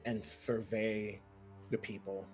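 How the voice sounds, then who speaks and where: A man's voice: lowish voice, little pitch movement, slow pace, a little mellow, low-quality recording. A man chatting casually as a player in a tabletop game, informally thinking aloud about his moves. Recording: music behind the voice.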